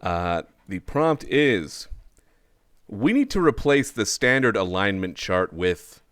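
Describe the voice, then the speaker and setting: A man's voice: fairly low pitch, sing-song, takes it slowly, a bit bright, no echo, clean studio sound. A man hosting an online party trivia game, reading prompts aloud in a laid-back drawl and laughing often. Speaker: game show host. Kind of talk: casual online game chat.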